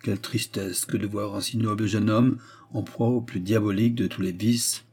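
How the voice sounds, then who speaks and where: A man reads a literary story aloud in a measured, grave way. His voice sits low and dark, with a husky, slightly breathy grain. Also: flat delivery. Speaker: audiobook narrator. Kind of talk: literary audiobook narration.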